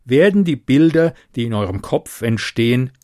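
A man voicing an old, bearded male librarian who speaks slowly, calmly and mysteriously. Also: medium pitch, no room sound, studio quality, close to an everyday voice.

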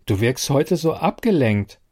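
A man's voice: medium pitch, very animated, unhurried, a little mellow. A man voicing a chatty easygoing friend.

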